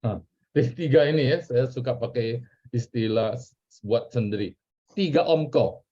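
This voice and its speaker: In a mellow mid-range voice at a moderate pace, an Indonesian-accented man teaches a church Bible class informally and chattily. He poses questions and repeats key terms, recorded in dull lo-fi quality.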